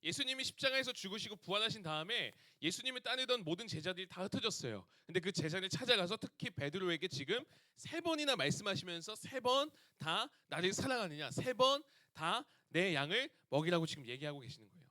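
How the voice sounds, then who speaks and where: A man delivering a youth sermon, his voice pitched high and ringing. He speaks in a lively, animated way, throwing questions at the young listeners. The sound is dry and close. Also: fast, hardly any pauses, no echo. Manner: lively, asks the audience questions. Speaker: youth pastor. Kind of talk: sermon to teenagers.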